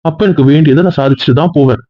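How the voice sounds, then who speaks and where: Insistent fast-talking young man. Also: fairly high pitch, no room sound. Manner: insistent, stubborn, often raising his voice. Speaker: husband in a couple skit. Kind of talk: comic couple skit. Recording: dull lo-fi audio.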